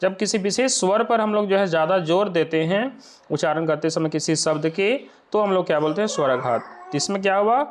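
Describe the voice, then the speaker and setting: A man teaching an exam-prep lesson, explaining step by step and often asking whether the point is clear. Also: high voice. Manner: explains slowly, checks understanding with rhetorical questions.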